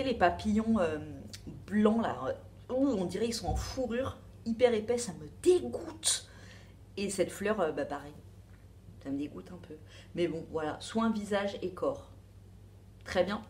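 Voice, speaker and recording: A woman's voice: mid-range voice, a little mellow. A woman with a French accent reviewing a beauty box in a casual, rambling chat full of asides and fillers.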